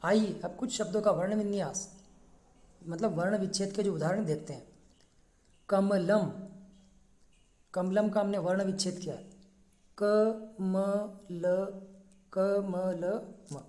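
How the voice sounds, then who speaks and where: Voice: medium pitch, takes it slowly, pauses often, dark tone, roomy sound. A teacher giving a classroom lesson, patiently breaking words into single letters and sounds. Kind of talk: classroom lesson, spelling out syllables.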